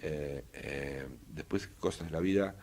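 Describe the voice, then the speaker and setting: Older man, argentine spanish accent, very low voice, husky, hesitant, lots of fillers and restarts, interview guest. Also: measured pace, a little mellow. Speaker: interviewee, economist. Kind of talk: casual interview talk.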